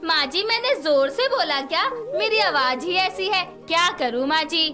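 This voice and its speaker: A woman voicing a blunt young new bride who talks very loudly. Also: extremely high pitch, expressive, measured pace. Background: background music.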